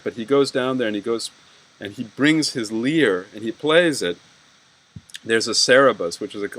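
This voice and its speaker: Guy lecturing a class, kinda low voice, lots of "right?" and "you know". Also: a bit bright, poor audio. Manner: rambling, frequent "right?" and "you know" fillers. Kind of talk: university lecture.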